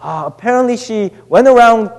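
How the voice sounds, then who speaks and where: A young male pastor preaches in a church hall, and long reverb trails after each phrase. His voice sits high for a man. He talks loosely and conversationally, restarting and filling gaps as he goes. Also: animated, darkish tone. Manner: conversational, halting with many restarts and fillers. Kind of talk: sermon. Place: church sanctuary.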